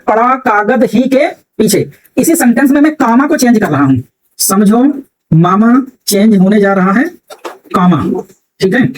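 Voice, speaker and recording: A man's voice: high-pitched, a little hiss or hum, low-quality recording. A male teacher giving a grammar lesson to a classroom, constantly asking his students rhetorical questions.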